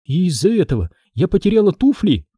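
A man reading an audiobook and voicing a shaken, fussy young woman in a shrill, flustered voice. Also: big pitch swings, a little fast, warm tone, slightly rough, dry recording, clean studio sound. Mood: fed up.

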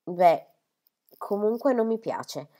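A woman's voice: mid-range voice, animated, takes it slowly, warm tone, pitched above the performer's own voice. A woman reading a novel aloud, voicing a fretful, self-pitying middle-aged mother who scolds her daughter. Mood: reproachful. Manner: complaining, reproachful.

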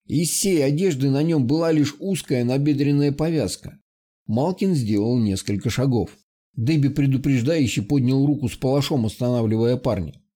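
A man narrating an adventure audiobook in a steady storytelling manner. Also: medium pitch, moderate pace. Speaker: audiobook reader. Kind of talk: scripted narration.

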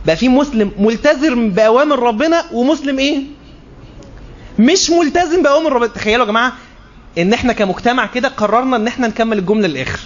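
A male preacher with an Egyptian Arabic accent talks in a high voice at a rapid clip, slipping into short acted-out exchanges as he makes his point. The recording is slightly dull, with a faint hiss behind it. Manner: animated, acts out quick dialogues. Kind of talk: colloquial religious talk.

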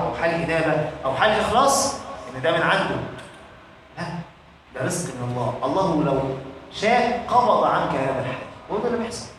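A man's voice: a little high, fairly bright tone, a little hiss or hum. A man with an Egyptian accent giving an emphatic religious lesson, putting questions to his listeners and answering them himself. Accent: Egyptian Arabic. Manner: emphatic, with a colloquial preaching delivery. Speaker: religious teacher. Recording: echoey hall from far off.

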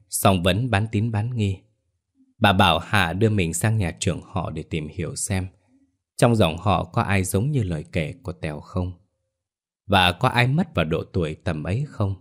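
A male storyteller giving a steady, measured scripted narration of a ghost story. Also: sits low.

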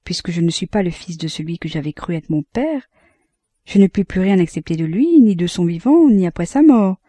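A woman reading an audiobook voices a troubled young man, earnest and measured as he reasons with himself. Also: fairly low pitch, expressive, dark tone, no echo. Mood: brooding. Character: troubled young man weighing his conscience.

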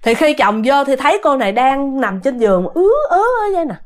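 Woman, Southern Vietnamese accent, ghost story narrator, chatty, casual, talks to listeners, fairly high voice. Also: very animated, fairly quick. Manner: chatty, addresses listeners directly.

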